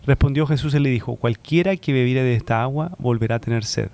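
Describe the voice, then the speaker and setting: A man reads a Bible passage aloud to a study group, steady and measured. His voice sits at an ordinary middle pitch. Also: gravelly. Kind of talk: reading scripture aloud.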